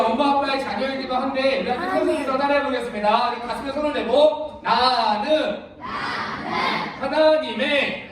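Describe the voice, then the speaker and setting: Guy with a really high voice doing a kids sermon, keeps quizzing the kids, big echoey church hall. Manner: interactive, keeps quizzing the kids and calling them by name. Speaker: youth ministry pastor. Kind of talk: children's sermon at a church retreat. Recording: echoey hall, far from the mic, children's crowd.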